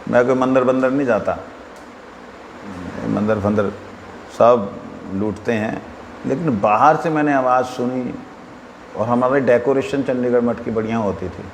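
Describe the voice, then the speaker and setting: A man's voice: mid-range voice, measured pace, pauses often. A man giving a spiritual discourse, recounting anecdotes in a conversational way with quoted dialogue. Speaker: religious speaker. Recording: echoey hall with faint background noise.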